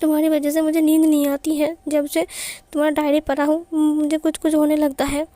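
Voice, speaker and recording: A woman's voice: sits high, monotone, fairly quick, mellow, dry recording, natural voice. A woman voicing a tearful young man who stammers and sobs in whispers.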